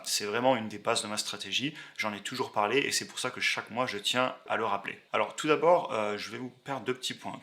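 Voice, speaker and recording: Male host, 30s, low-ish voice with a bright edge, fast and chatty, uses fillers. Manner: brisk, frequent "euh" fillers, conversational. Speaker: investing channel host. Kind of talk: casual explainer talking over screen charts.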